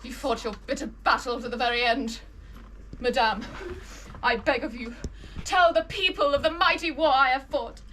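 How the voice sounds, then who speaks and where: A woman's voice: sits high, moderate pace. A woman playing a melodramatic dying garlic creature in a comic musical, gasping out grand farewells like a mortally wounded soldier. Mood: grandiose, dying. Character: melodramatic dying garlic creature, the professor's self-declared arch-enemy. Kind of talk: theatrical comic musical acting. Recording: distant mic, loud background noise.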